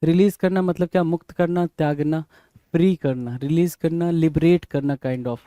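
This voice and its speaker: Man, vocabulary teacher, spells words out, mellow, smooth, dry close sound. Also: a little high, steady tone, moderate pace, dry recording. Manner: drills words by spelling them out letter by letter; keeps asking "bhai?" as a rhetorical prompt. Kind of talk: exam-prep vocabulary lesson.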